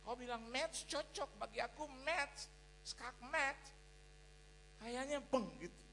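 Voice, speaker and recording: High, bright-voiced preacher telling a story. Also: male voice, takes it slowly, slight background noise, low-quality recording. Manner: animated storytelling, mixing in English phrases. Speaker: pastor. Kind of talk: sermon with personal testimony. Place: church service.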